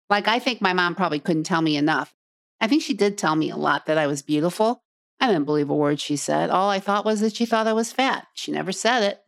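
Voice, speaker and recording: A middle-aged woman hosting a podcast as a coach, talking earnestly and straight to the listener, repeating phrases for emphasis. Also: lowish voice. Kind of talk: heartfelt podcast monologue.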